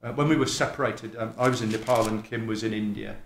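This middle-aged preacher's voice sits on the low side and moves fast, with a little hiss or hum in the recording. Speaking from a lectern in a small church hall with an East Midlands accent tinged with Welsh, he's lively, chatty, self-mocking, and acts out what people say. A stand mic and a camera across the room capture him.

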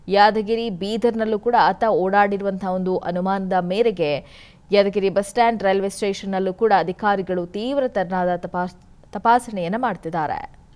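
A young adult woman, a news anchor, reading scripted news with a steady, urgent cadence in a TV studio. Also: medium pitch. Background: news music bed.

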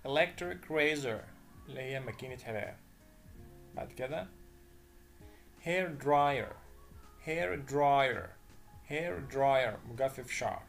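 A man with an Egyptian Arabic accent teaching English vocabulary. He says each word slowly several times, then gives its meaning. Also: mid-range voice, gravelly, faint music behind. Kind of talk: vocabulary lesson voice-over.

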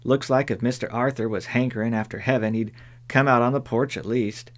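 A man voicing a young, stubborn tomboy girl in an audiobook, speaking bluntly in a raised pitch. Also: steady tone, fairly quick, natural voice. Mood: earnest. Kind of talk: audiobook character voice.

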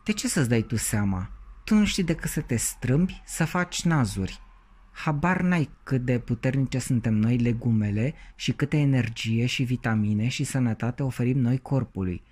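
A man's voice: mid-range voice, animated, a little mellow, pitched above the performer's own voice, close to an everyday voice. A man voicing a proud, touchy female cauliflower who scolds in a haughty tone.

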